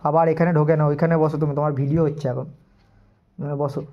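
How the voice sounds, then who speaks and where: A man's voice: on the high side, flat delivery, very fast. Man in lo-fi audio, teasing his pet dog. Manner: coaxing, teasing, affectionate baby talk. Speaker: vlogger. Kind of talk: playful talk to a pet dog. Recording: dull lo-fi phone audio.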